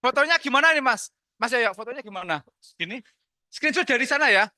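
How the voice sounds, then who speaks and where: Middle-aged Javanese-accented male teacher, lively chatty Zoom host, high crisp voice. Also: brisk, no room sound, studio quality. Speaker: teacher hosting a school Zoom session. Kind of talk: casual hosting over Zoom.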